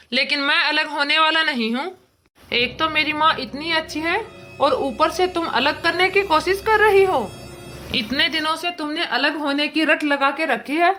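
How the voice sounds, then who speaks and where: Woman playing an angry young cartoon husband, high bright voice, argues hard. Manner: indignant, arguing. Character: angry young Indian husband, mother's son. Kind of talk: cartoon voice acting.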